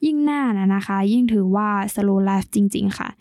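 A woman's voice: medium pitch, moderate pace, warm tone, no room sound, clean studio sound. A young woman from Thailand, hosting a solo podcast in a chatty, explanatory, polite way. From Nan, northern Thailand. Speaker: podcast host.

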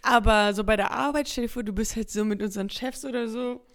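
A woman's voice: on the high side, fairly even intonation, fast talker. A young woman co-hosting a podcast, talking casually, laughing between thoughts and hedging with fillers. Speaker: podcast co-host.

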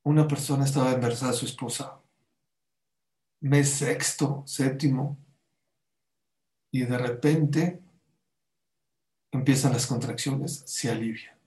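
A man telling a story to a gathering, acting out the dialogue with lively shifts in his voice. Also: medium pitch, measured pace, pauses often, reverberant. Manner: animated, acts out dialogue. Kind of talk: storytelling talk.

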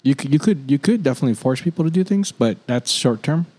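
A man's voice: on the high side, lively intonation, fast, mellow, slightly rough. Reflective man in casual faith chat. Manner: reflective, with restarts and repeated words.

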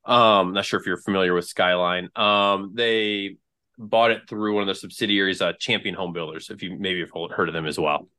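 A man's voice: low voice, fairly even intonation, moderate pace, sharp tone. A man sharing trade news as a podcast guest, chatty and rambling, with lots of fillers and restarts. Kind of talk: casual podcast chat.

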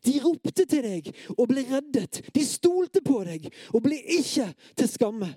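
A preacher giving a sermon who talks straight to the listeners with hesitant fillers, then reads scripture with dramatic, at times loud and pleading intensity. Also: high-pitched, big pitch swings, husky, no room sound, clean studio sound. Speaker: preacher at a worship gathering.

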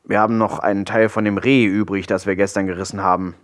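Guy doing a big grey storybook wolf, low growly grumble, hot-headed but kind. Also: flat delivery, quick pace, lightly acted. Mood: helpful.

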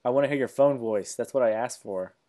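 A man of middle pitch co-hosting a relaxed movie podcast. He jokes and teases his co-host. He rambles, often restarting his sentences. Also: a little fast. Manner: joking, teasing, rambling with restarts. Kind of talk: casual movie-review podcast chat.

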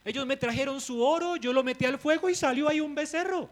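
A man's voice: extremely high pitch, fast, voice pushed up. A male preacher voicing a biblical man who whines and shifts the blame onto others. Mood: defensive. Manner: whiny, defensive excuses.

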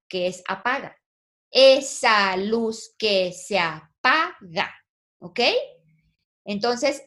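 A woman's voice: fairly high pitch, fairly bright tone. A woman teaching a poetry lesson, asking her students questions and guiding them patiently. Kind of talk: online poetry class.

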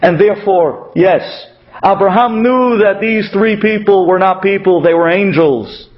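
A man's voice: sits high, unhurried. A man with a Brooklyn accent giving a religious sermon with stories, speaking emphatically and repeating key phrases. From Brooklyn, New York. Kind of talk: sermon with storytelling. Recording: dull, muffled lo-fi audio.

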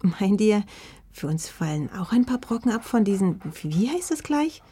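A woman voicing a curious, clever little female blue fox in a storybook reading, with a soft, calm manner and a husky voice. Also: medium pitch, normal speed.

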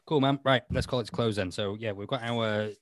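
A man's voice: mid-range voice, fairly quick, no echo. A man hosting a podcast, talking in a rambling, self-mocking way with lots of fillers. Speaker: podcast host. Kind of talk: casual chat.

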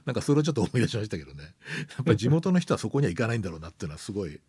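A middle-aged man hosts a relaxed talk, speaking fast and breaking often into laughter. His voice rises and falls freely and has a husky edge, set in a dry, close sound. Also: lowish voice, no room sound. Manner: lively, laughs often, many fillers. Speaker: host. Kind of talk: casual conversational interview. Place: Tokyo.

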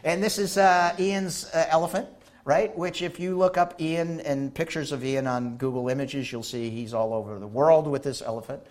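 A man gives a lively talk at a conference, his voice sitting a touch high. He jokes with the crowd and keeps checking in with the audience as he goes. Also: moderate pace. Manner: animated, keeps asking the audience "right?"; jokey, banters with the crowd. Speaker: conference speaker.

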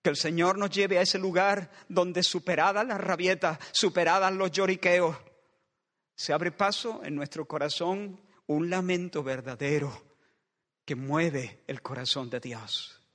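A man's voice: sits high, unhurried, a bit bright. A man preaching a sermon in a church, building passionate pleading refrains that circle back again and again. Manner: impassioned, with repeated pleading refrains. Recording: long reverb of a large hall.

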